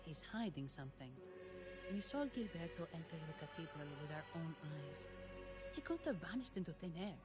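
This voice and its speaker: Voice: medium pitch, lively intonation, normal speed, natural voice. An actor playing a curious, suspicious young adventurer in a video game, with an inquisitive, puzzled manner. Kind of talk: scripted video game dialogue. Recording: loud background music.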